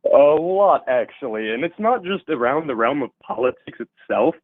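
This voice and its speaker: A young man in his twenties calling in to a livestream, his voice run through a deep pitch-shifting voice changer, talking in an earnest, matter-of-fact way. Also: lively intonation, normal speed, dry recording. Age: 20s. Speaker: caller. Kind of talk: call-in chat on a livestream. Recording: tinny dry phone line.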